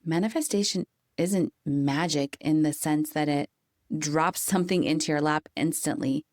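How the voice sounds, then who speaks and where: A woman hosting a podcast, giving a calm, coaching motivational talk with deliberate, slowed emphasis. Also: deep voice, no room sound, studio quality. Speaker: podcast host. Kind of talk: scripted motivational monologue.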